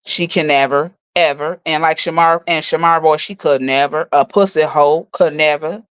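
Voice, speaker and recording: A woman in her forties delivering a profane, mocking rant full of loud insults as she roasts someone on her stream. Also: sits low, steady tone, moderate pace, clear, resonant tone, no room sound. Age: 40s. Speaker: livestream host. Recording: dull dry lo-fi recording.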